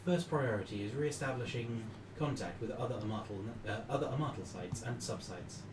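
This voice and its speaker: A man's voice: mid-range voice, moderate pace, lightly acted. Guy doing a clipped formal ai voice for a tabletop game, roomy far off mic, noisy. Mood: detached, formal. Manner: clipped, formal, literal phrasing. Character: terse, formal machine intelligence speaking telepathically.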